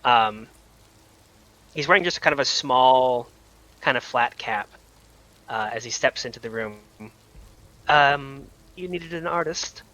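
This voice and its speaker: A man narrating as game master, relaxed and full of pauses. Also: medium pitch, poor audio. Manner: relaxed, hesitant with many ums.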